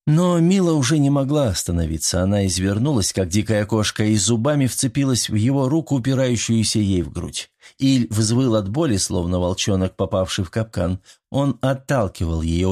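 Steady male audiobook narrator. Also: medium pitch. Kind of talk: scripted narration.

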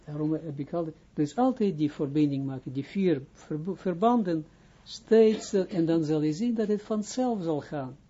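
A man teaching as a rabbi, his voice very mellow and dark with a husky grain, pitched a little above most men. He speaks haltingly, starting phrases over and pausing to check that listeners follow. The recording sounds dull and lo-fi. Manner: halting, restarts phrases, keeps checking understanding. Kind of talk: informal spoken lesson.

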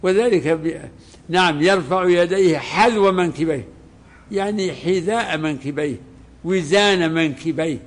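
A religious scholar, his voice a little high, leads a lesson in class on the meaning of a legal text. He is measured and deliberate, restating phrases as he works through it.

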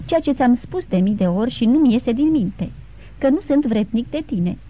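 A woman's voice: a little high, expressive. A woman voicing an anxious, despairing young man in an audiobook, speaking in pleading tones. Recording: tinny phone-like sound.

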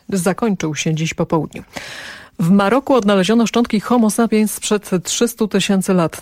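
A woman newsreader giving a scripted radio news bulletin in an even, measured way. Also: on the low side, no room sound, studio quality. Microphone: studio microphone.

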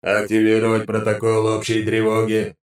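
A man voicing a booming metallic guardian robot in an audiobook, announcing in a flat mechanical tone. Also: normal speed, reverberant. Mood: alarmed. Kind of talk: audiobook character voice.

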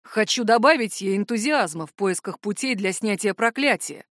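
A woman's voice: medium pitch, expressive, moderate pace, a bit bright, dry recording, studio quality. A woman voicing a hot-tempered young male shapeshifter in an audiobook, speaking in hissed, clipped threats. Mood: menacing. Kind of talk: audiobook narration.

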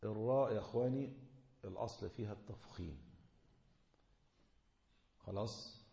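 A man's voice: fairly low pitch, normal speed, creaky, mellow. A man with an Egyptian accent teaching a tajweed lesson, quizzing the class and drawing out the example words in recitation. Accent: Egyptian Arabic. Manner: explanatory, asks the class questions and answers them himself. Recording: echoey, dull lo-fi room recording.

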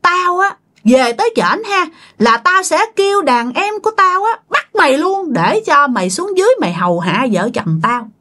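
A woman doing a jealous old ghost woman, shrill and high, sneering, menacing, storytelling voice. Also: sing-song, normal speed, bright, forceful tone, full character voice. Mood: scornful. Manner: taunting, menacing.

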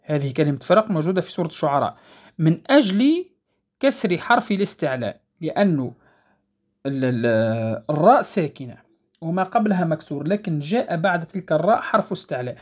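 A woman teaching the rules of Quran recitation. She explains patiently, repeats key points, checks that students follow, and recites verses slowly and melodically. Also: low-pitched, expressive, slightly rough. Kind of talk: tajweed lesson explaining rules.

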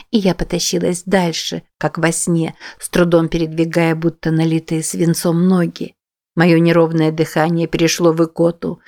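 A woman narrating a first-person story in a measured, somber reading. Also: on the low side, a little mellow. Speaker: audiobook narrator.

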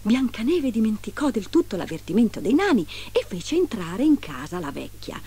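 A woman reading a fairy tale aloud in an expressive, dramatic storybook style. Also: on the high side, normal speed, breathy edge.

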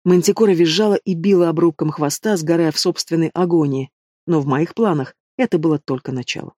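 A man narrating a fantasy novel in the first person, steady and dramatic. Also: fairly high pitch, a little fast, dry recording. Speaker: audiobook narrator.

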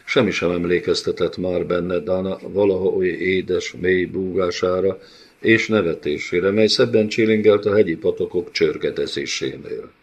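Low-voiced man narrating a dark audiobook. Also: fairly even intonation, husky. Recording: dull lo-fi audiobook recording.

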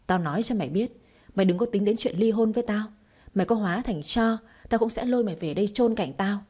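Lady reading as a nasty husband, threatening, husky and mellow. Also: mid-range voice, quick pace, natural voice. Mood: angry threatening. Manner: menacing, contemptuous. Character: cruel threatening young husband, a man.

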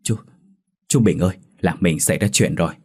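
A man's voice: low voice, lively intonation, fairly quick, a little mellow, breathy edge, heavily acted. A man voicing a panicked young village man who stammers and is out of breath.

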